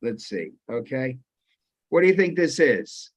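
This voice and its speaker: This webinar moderator, a man in his fifties, talks loosely with plenty of restarts and keeps testing his audience with questions. His medium-pitched voice swings widely in pitch and runs a little slow. The video call recording sounds muffled and lo-fi.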